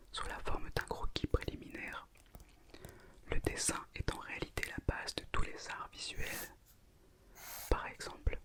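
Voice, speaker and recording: Woman's intimate ASMR whisper. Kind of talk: whispered ASMR reading of an educational art history script.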